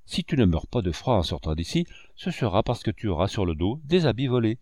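A tough young street thief who is quick to anger and talks with harsh scorn, as a man reads him aloud. The voice sits low and the sound is dry and close, like a storybook audiobook. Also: very animated, a little mellow, no room sound. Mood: scornful. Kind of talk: audiobook reading.

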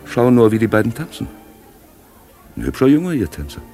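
An actor playing an urbane, mocking gentleman with a languid, ironic and cultivated way of talking, in an old radio drama. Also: mid-range voice, very animated, moderate pace, faint music behind.

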